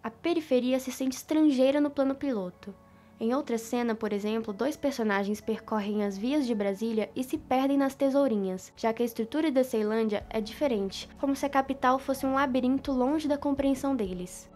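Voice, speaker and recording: A woman narrates a film analysis in a steady reading voice that sits a little high. Faint music plays underneath her. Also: a little fast. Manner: even, reading aloud. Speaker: student presenter. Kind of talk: scripted video-essay narration.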